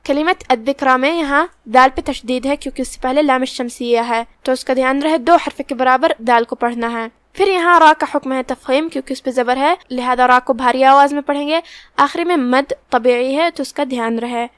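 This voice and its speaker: A high, smooth woman's voice explains pronunciation rules patiently, one letter at a time. She then chants verses slowly and carefully, stretching the long vowels. The sound is close and dry. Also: no echo. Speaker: Quran recitation teacher. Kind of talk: tajweed lesson with slow recitation.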